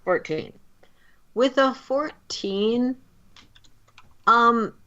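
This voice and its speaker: A woman's voice: extremely low pitch, fairly bright tone, dull audio. A woman running a tabletop roleplaying game as game master, narrating and refereeing in a casual, joking way. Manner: casual, joking, quick to laugh.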